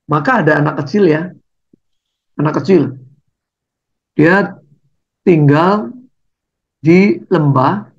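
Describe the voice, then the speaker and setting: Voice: medium pitch, slow, long pauses. A preacher giving a storytelling sermon in a conversational way, with frequent tag words and sudden dramatic rises in voice. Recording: dull lo-fi recording.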